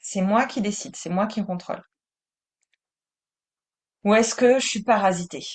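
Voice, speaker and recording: A woman with a French accent teaching breathing and meditation in a calm, soothing manner. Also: medium pitch. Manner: slow, calm, soothing delivery.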